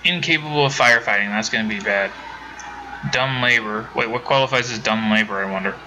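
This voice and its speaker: A man's voice: on the low side, a little fast, pushed and bright, poor audio. A man streaming a game from home, chatting casually with viewers and rambling with many self-corrections. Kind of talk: casual let's-play commentary.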